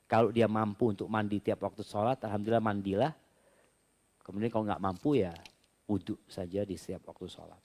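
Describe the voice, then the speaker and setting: A man working as an Islamic preacher who reads out audience questions and then answers them. He explains each point in a relaxed, conversational way during a question-and-answer religious talk. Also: fairly low pitch, fairly quick.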